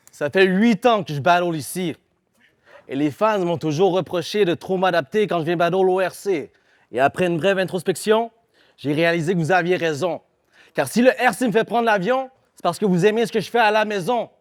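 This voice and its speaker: A battle rapper from Quebec, this man has a Québécois French accent and a voice that sits high. He delivers a live verse of aggressive, punchy rhymes at a normal speed.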